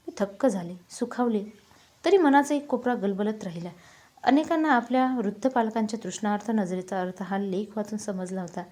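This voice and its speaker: A woman reading a heartfelt story aloud in a calm, measured, emotive way. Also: medium pitch.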